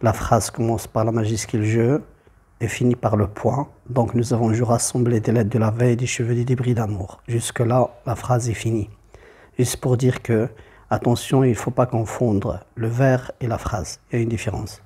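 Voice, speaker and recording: Male teacher, husky and mellow, methodical, flat delivery. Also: medium pitch, moderate pace. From Morocco. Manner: methodical, repeats key points. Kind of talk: classroom lesson on poetry.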